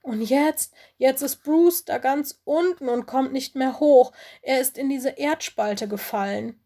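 A woman's voice: on the high side, moderate pace, darkish tone. A woman voicing a young male ice wolf, usually cocky, now stammering and sobbing as he pleads. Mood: tearful pleading.

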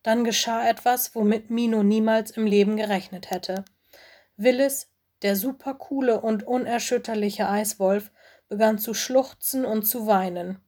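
A woman narrating a children's audiobook in a clear, expressive storytelling voice. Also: a little high, a little slow.

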